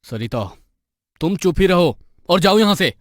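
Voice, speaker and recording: Curt, threatening young husband for a cartoon, dry recording. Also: male voice, medium pitch, very animated, unhurried, dry recording. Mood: harsh. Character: young husband, harsh and controlling. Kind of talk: cartoon voice acting.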